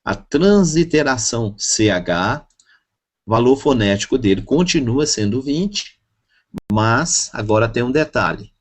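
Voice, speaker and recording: A man teaching a class, speaking slowly and repeating each word for his students to drill pronunciation. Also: medium pitch, lively intonation. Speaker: Hebrew teacher. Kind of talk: classroom lesson.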